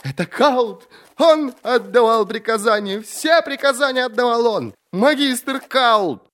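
A man's voice: animated, unhurried, a bit bright, exaggerated voice. A man voicing a terrified middle-aged male silk merchant under interrogation, babbling and repeating himself. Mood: frantic. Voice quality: trembling voice. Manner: shrill, frantic, repeating himself.

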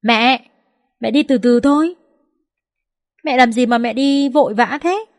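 A woman voicing a young husband who pleads with his angry mother to calm down. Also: medium pitch, normal speed, dry recording, clean studio sound, close to an everyday voice. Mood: pleading.

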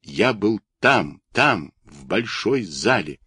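A man's voice: lowish voice, sing-song, takes it slowly, sharp tone, husky, dry recording, studio quality, heavily acted. A man voicing a boastful, quarrelsome little male toy figurine with a bragging, squealing manner.

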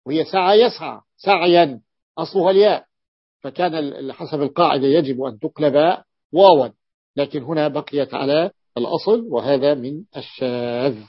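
Dry-sounding sheikh teaching morphology. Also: male voice, a little high, no echo, muffled recording. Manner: repeats phrases, stretches words, often confirms with a short "yes". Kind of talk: classroom lecture explaining a text.

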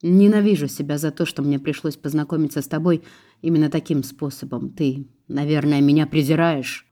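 Soft-spoken lovesick young thief, read by a woman in a dark, mellow register, apologetic and quiet. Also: deep voice, steady tone, fairly quick. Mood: remorseful. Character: remorseful young male car thief in love.

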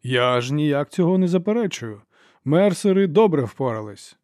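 A man voicing a suave, scheming older inquisitor in an audiobook, with a measured, melodious voice and a theatrical manner. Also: on the high side, very animated, no room sound, studio quality, pitched above the performer's own voice. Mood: mock agreeable. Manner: smooth, theatrical, turns to shouting accusations. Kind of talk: audiobook character voice.

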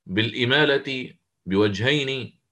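A man's voice: mid-range voice, unhurried, pushed and bright. Man patiently teaching recitation rules. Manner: explains step by step, quizzing his students. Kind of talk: interactive online lesson.

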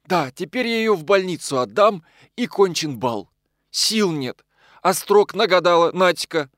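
A man voicing a boastful, short-tempered working man in an audiobook, brash and gruff. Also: high voice, expressive, a little slow, fairly bright tone, dry recording, clean studio sound, voice pushed up. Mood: grumbling. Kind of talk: audiobook character voice.

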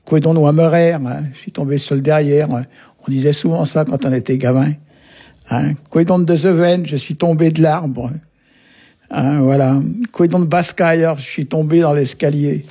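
Man from Brittany, fairly high voice, language teacher, patient explanations. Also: a little slow, warm tone, breathy edge. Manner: patient, explanatory, peppers talk with short tags. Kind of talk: explaining words on a radio lesson.

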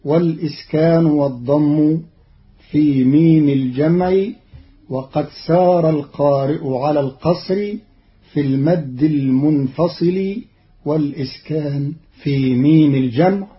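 A man speaks slowly and formally in a fairly high voice, laying out points of recitation like a radio teacher. The sound is a dull, lo-fi archival radio recording. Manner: measured, deliberate and formal. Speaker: radio presenter explaining Quran readings. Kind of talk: scripted radio explanation.

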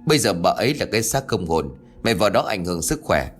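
A man's voice: sits low, sing-song, quick pace, faint music behind. A man voicing a worried old village man who talks brusquely and scolds the young ones in a ghost story. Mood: scolding.

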